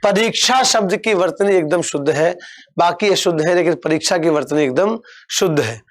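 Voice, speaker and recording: A young man teaching an online exam-prep class, coaxing his students and repeating words slowly. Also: high voice.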